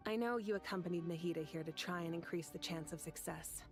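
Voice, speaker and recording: A woman's voice: on the low side, fast, faint music behind, lightly acted. A woman voicing a confident, generous, easygoing warrior goddess of fire in a video game, casual and friendly. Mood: generous, reassuring. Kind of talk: video game story dialogue.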